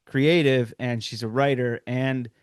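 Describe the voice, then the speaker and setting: A man with a mid-pitched voice tells a story in a loose, rambling way, often stopping to restart and laughing. The sound is dry and close. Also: steady tone, a little slow, clear, resonant tone, no room sound. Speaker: guest. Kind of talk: casual interview chat.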